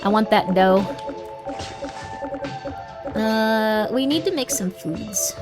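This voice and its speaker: Speaking slowly in a mid-range voice, a woman streams herself playing a game, chatting playfully and casually as she reacts aloud. Loud video game music runs underneath.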